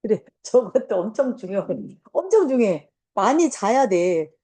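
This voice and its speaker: 40s woman teacher, blunt and animated with the class, lively up-and-down voice, mellow tone. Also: fairly high pitch, moderate pace. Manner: blunt, animated storytelling with swearing. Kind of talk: casual classroom talk.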